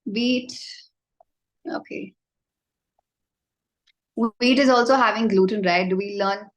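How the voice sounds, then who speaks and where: A woman's voice: mid-range voice, slow. A woman with an Indian accent informally teaching a live online baking class and chattily answering questions from the group. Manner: informal, chatty explaining, often addressing the group. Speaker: baking instructor. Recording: roomy, echoing sound.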